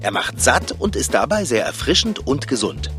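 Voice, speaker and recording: Ein Mann spielt in einem komischen Hörspiel einen jungen Mann, der am Rechner nascht und neckend, selbstgefällig redet. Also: male voice, mid-range voice, very animated, moderate pace, pushed and bright, faint music behind. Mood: smug. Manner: teasing, smug. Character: teasing young man snacking at his computer. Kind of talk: comic audio play.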